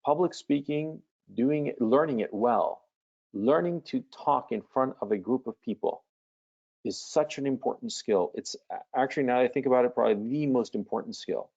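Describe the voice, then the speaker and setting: A man's voice: medium pitch, normal speed, gravelly, darkish tone. Blunt, casual man coaching callers in a live webinar, slightly lo-fi sound. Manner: blunt, casual, swears freely.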